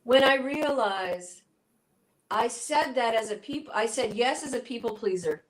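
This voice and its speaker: A woman's voice: on the high side, animated, unhurried, slight background noise, poor audio. A middle-aged woman speaking as a guest on an interview show, acting out her inner dialogue in quoted voices as she explains. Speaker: guest, spiritual healer and coach. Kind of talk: conversational interview.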